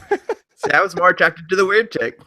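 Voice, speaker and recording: A man's voice: high-pitched, normal speed, pushed and bright. A man co-hosting a casual movie-review podcast who teases the others and laughs easily. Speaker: podcast co-host.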